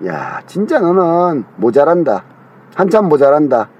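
A man's voice: a little high, sing-song, a little slow, darkish tone, husky. A middle-aged man in a heated phone call with his younger brother, rambling, accusing and scolding him.

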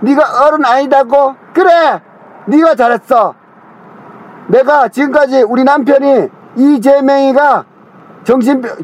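A man's voice: very high voice, voice pushed up. A middle-aged man on a phone call quoting his angry wife, raising his voice to scold and reproach.

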